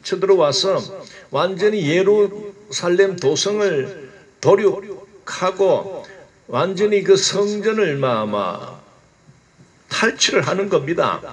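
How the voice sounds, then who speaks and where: A male pastor teaching a Bible study sermon, earnest and deliberate, stressing single words and prompting listeners. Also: sits high, gravelly.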